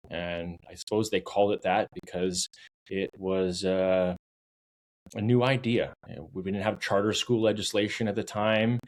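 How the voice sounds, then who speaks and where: Man from new hampshire, very low voice, earnest, rambling, self-deprecating guest. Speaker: wilderness outfitter and guide. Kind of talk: podcast interview.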